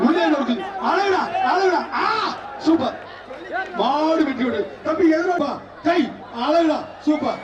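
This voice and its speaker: Brief: male announcer on a loudspeaker, very high yelling voice, echoing from far off, dull sound, loud crowd behind. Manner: shouting, repeating short calls. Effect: through a loudspeaker system. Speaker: event announcer. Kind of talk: live shouted commentary. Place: outdoor bull-taming arena. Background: loud cheering crowd and noise.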